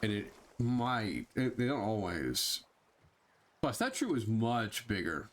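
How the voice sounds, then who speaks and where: A man with a lowish voice gives loose, live commentary over a game stream. His pitch swings widely as he muses, mutters to himself and drops sarcastic, profane asides. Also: sing-song, slow, a little hiss or hum. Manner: chatty, swears freely, sarcastic asides; talks to himself while browsing and fiddling. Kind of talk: casual live gameplay commentary.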